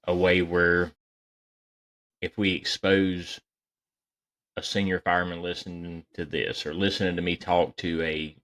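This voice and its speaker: A man's voice: deep voice, fairly bright tone. A man who is a firefighter, a guest on a podcast, speaking earnestly like a mentor in casual conversation.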